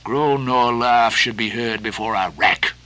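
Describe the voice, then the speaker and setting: A man voicing an old, obsessed sea captain, declaiming archaic lines with booming passion. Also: unhurried, pushed and bright. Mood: scornful. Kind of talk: audiobook character voicing.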